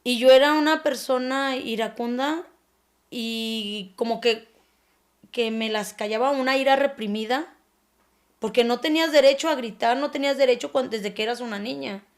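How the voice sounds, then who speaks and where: Gravelly Mexican woman, halting testimony. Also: a little high. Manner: halting and searching for words, often trailing off softly. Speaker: anonymous guest sharing her story. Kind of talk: personal testimony on a podcast.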